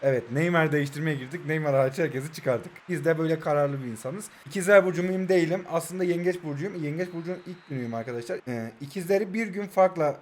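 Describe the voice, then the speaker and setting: Man, twenties, from Turkey, high-pitched voice, gaming commentary, joking self-mockery, excited play-by-play. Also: quick pace, hardly any pauses, a little hiss or hum. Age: 20s. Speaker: mobile football gaming YouTuber. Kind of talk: live gameplay commentary.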